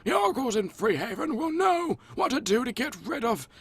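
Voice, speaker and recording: Man voicing an old wizard mentor in a game, high reedy old-man voice, rambling and absent-minded, dry throat. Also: very animated, a little fast, a bit bright, husky, dry recording, full character voice. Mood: wise.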